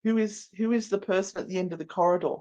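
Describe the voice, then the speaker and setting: A woman hosts and narrates a dramatic story, reading it theatrically and playfully and mixing in casual banter. She talks fast, with a medium-pitched, mellow voice.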